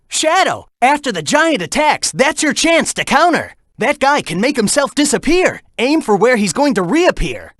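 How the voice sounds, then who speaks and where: Sonic, cocky animated young hedgehog hero. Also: male voice, very high-pitched, no room sound, clean studio sound, heavily acted. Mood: urgent warning. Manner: brash, energetic, slangy, urging. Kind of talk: video game voice acting, short battle callouts.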